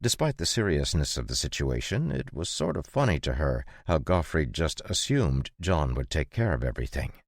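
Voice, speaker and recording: Very deep-voiced male audiobook narrator. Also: sing-song, normal speed, few pauses, dry recording, studio quality. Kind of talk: scripted narration.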